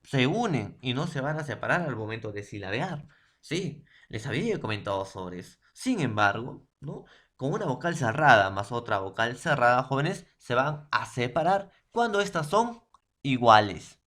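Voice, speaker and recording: Very animated and a bit bright, with a medium pitch, this Peruvian teacher leads a secondary school language lesson. He breaks words slowly into syllables, poses questions and answers them himself, and sprinkles in "¿ya?" and "¿no?" checks with the class.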